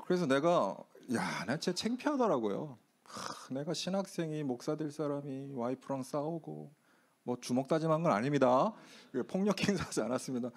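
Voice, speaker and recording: A man's voice: mid-range voice, a little mellow. A middle-aged man, a pastor, candidly telling a self-mocking personal story during a youth retreat Q&A.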